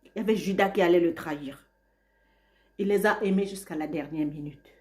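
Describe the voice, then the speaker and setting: A woman's voice: lowish voice, fairly quick, darkish tone. A woman singing worship refrains and preaching with fervent emotion and repeated invocations.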